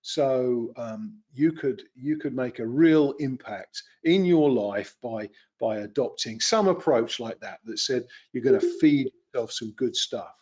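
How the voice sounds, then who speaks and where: Unhurried and slightly mellow, a man in his fifties lectures in a mid-range voice with lively intonation. The lo-fi sound comes from a computer webcam and mic, and his unscripted webinar talk is conversational and rambling, with frequent fillers and restarts.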